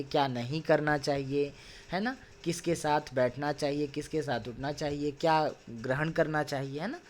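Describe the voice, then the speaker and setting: A man teaching a Sanskrit class online, patiently explaining and sounding out words slowly, syllable by syllable, with frequent tag questions. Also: on the high side, a little hiss or hum. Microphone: video call.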